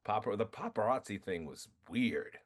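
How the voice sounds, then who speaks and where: A man being interviewed about his film, telling animated stories, acting out quotes and laughing often. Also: fairly low pitch, moderate pace, breathy edge. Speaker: filmmaker guest. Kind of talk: casual interview storytelling.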